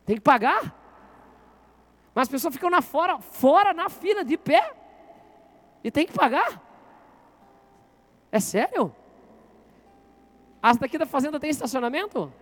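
A male pastor with a very high-pitched voice delivers a sermon in church. He talks with the crowd, asking questions and telling them to turn to the person beside them. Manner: interactive, asks the congregation questions.

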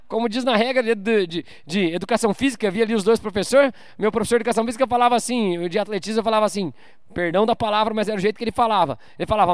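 High-voiced casual pastor preaching. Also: male voice, clear, resonant tone, no room sound, clean studio sound. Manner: informal, calls out for amens, jokes with the crowd. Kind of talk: casual sermon to a congregation. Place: church service.

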